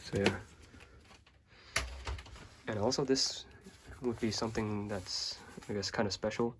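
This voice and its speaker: With a lowish, unhurried voice, a young native Chinese speaker from Hong Kong ambles through a casual vlog tour of his bookshelf, padding his talk with fillers. A slight hiss or hum sits in the audio.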